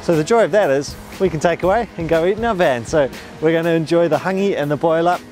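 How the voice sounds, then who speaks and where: Inside a camper van, a man hosting a food vlog eats and eagerly explains each dish in casual narration. He talks fast in a slightly high, somewhat mellow voice, with soft music in the background.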